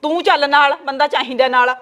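A woman's voice: high-pitched, steady tone, a bit bright. A woman playing a bossy village mother-in-law. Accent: Punjabi village speech. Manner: scolding, quick and blunt.

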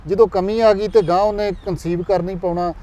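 A man's voice: sits high, steady tone, brisk, dark tone. A man with a Punjabi accent, a dairy expert on a talk show, explaining earnestly with figures and examples. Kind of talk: explanatory interview answers.

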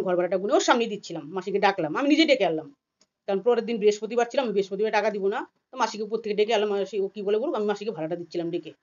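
A woman from India ranting fast and agitatedly in a personal vlog, often acting out other people's words. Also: medium pitch, darkish tone, muffled recording. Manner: rapid and agitated, acting out quoted voices. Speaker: vlogger. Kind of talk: heated personal vlog rant.

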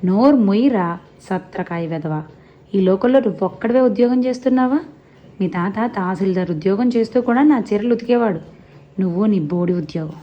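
Woman putting on a loud scolding old grandmother. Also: medium pitch, normal speed, dull audio, lightly acted. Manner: nonstop scolding, loud and forceful. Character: sharp-tongued old village grandmother, scolding.

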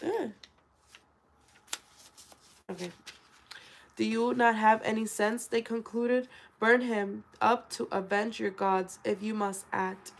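A woman's voice: fairly high pitch, level tone, takes it slowly, creaky, long pauses, poor audio. A woman reading a scripture translation aloud, calling out verse numbers and stumbling over words, then correcting herself as she goes. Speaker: scripture reader.

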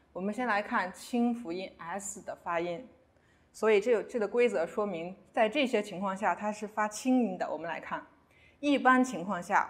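A woman teaching a beginner pronunciation lesson, explaining steps and modeling each word slowly and twice. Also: medium pitch. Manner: slow, careful modeling of sounds with repeats. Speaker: language teacher.

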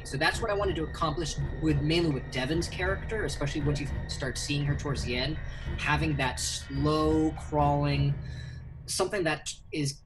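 A man in his thirties from Indonesia, an animated filmmaker hosting a casual video-call interview from a small bedroom, talking with many fillers. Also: on the high side, slight background noise, low-quality recording. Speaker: filmmaker and host. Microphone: webcam video call.

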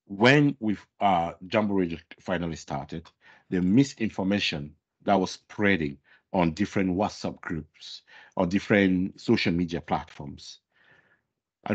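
A very deep, husky male voice, roughened by a cold, delivers a conference talk in halting phrases full of pauses. The recording sounds dull and lo-fi, like a conference room capture. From Scotland. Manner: halting, with many ums. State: has a cold. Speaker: conference speaker.

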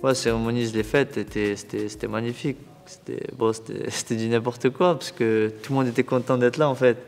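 A young man talks about boxing in a casual, halting way, repeating words when he gets excited. His voice carries a long reverb from a boxing gym hall. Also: mid-range voice, faint music behind. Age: young adult. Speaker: boxer and club coach. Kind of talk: casual interview.

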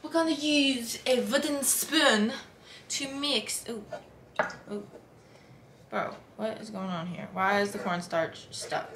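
Cooking at home, a young woman talks casually to camera in vlog style, full of slang and spoken-aloud thoughts. Her voice is a little high and a bit bright, and she speaks slowly. With the camera a step away, the recording picks up room echo, faint noise and clattering in the kitchen.

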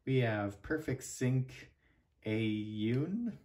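A man's voice: medium pitch, animated, extremely slow, darkish tone. A young man giving casual, laid-back commentary as he hosts a card-opening video. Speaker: card-opening channel host.

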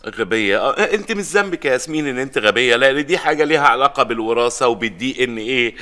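A man acting an excitable, argumentative brother and father in a comedy sketch. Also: mid-range voice, rapid-fire.

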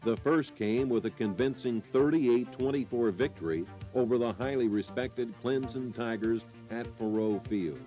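An American man reading scripted sports highlight narration in measured, dramatic phrases with pauses. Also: mellow, soft background music, rough recording.

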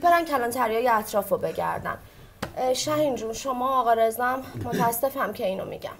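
An actress playing a commanding relative who organizes the search, brisk and coaxing. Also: female voice, a little high, slight background noise, natural voice. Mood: bossy. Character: take-charge, organizing family woman.

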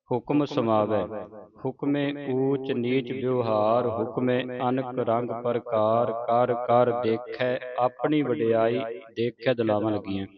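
A man teaching scripture pronunciation, reciting verses slowly and repeating words to correct how they are said. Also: mid-range voice, muffled recording. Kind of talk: slow recitation lesson with corrections. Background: class repeating words aloud.

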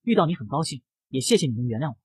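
A man's voice: mid-range voice, sing-song, racing, slightly rough, no room sound. A man voicing an arrogant, domineering rich young man in a comic narration, cold and bossy. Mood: coaxing.

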